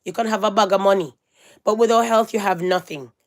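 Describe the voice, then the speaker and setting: A woman's voice: mid-range voice, fairly quick. Emphatic woman preaching to viewers. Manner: emphatic and moralizing, repeats phrases, swings from loud to hushed. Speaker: vlogger. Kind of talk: casual preachy monologue to viewers.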